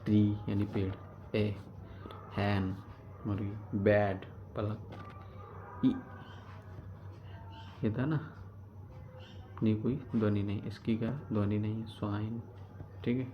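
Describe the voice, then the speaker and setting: A man with a fairly low, barely moving pitch teaches a grammar lesson slowly, with long pauses between steps. He repeats key terms and answers his own questions as he explains. The recording is dull and lo-fi, with background noise.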